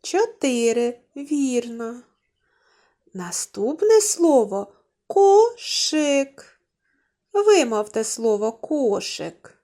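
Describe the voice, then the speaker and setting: Slow sing-song woman teacher. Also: a little high, very animated, warm tone. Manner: sing-song, drawn-out words, questions to the children. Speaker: kindergarten teacher. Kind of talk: slow, clearly enunciated lesson for young children.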